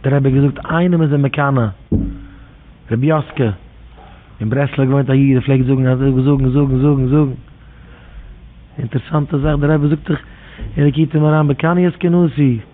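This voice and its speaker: A man's voice: mid-range voice, steady tone, normal speed, pauses often. A man telling rambling religious stories and teachings in an informal way, repeating his phrases in a near chant. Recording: tinny phone-like audio with faint noise.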